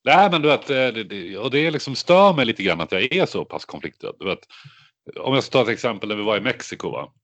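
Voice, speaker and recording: A man with a very low, deep voice talks through a casual podcast chat, winding through his stories with constant filler words and restarts. The sound is close and dry, with no room around it. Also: lively intonation, a bit bright, no room sound. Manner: rambling, filler-heavy storytelling. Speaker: podcast co-host.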